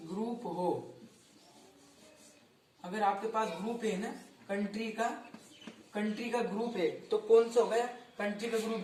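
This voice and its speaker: Young guy teaching grammar, high voice, sounds far off in an echoey room, keeps quizzing the class. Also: darkish tone, slight background noise. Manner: repeats words, asks students questions; frequent self-corrections. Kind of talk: grammar lesson explained in Hindi. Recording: roomy echo, distant from mic.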